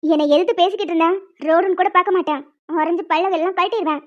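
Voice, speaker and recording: A woman's voice: very high-pitched, fairly even intonation, very fast. A woman voicing a harsh, bossy, middle-aged stepmother who scolds and threatens in a cartoon. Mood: scolding. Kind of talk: cartoon voice acting. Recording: dull lo-fi sound.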